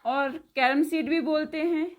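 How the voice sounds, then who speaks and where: A woman giving a casual vocabulary lesson, repeating each word slowly, spelling it out letter by letter and checking in after each item. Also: high-pitched, fairly even intonation. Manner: says "theek hai" after nearly every item. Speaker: spoken English teacher.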